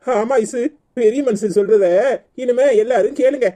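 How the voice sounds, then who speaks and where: A woman voicing a teasing young husband in a cartoon, with a Tirunelveli Tamil accent and quick, joking speech. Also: fairly high pitch, dark tone, close to an everyday voice.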